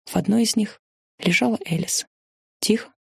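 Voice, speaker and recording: A woman reading her own memoir in the first person, steady and earnest. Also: on the low side, quick pace, creaky, breathy edge, no echo, clean studio sound. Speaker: narrator.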